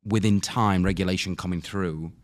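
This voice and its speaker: A man's voice: low voice, fairly even intonation, moderate pace. A British man hosting a podcast interview, eagerly agreeing and asking leading questions. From Britain. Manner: eager, affirms often, asks leading questions. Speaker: podcast host.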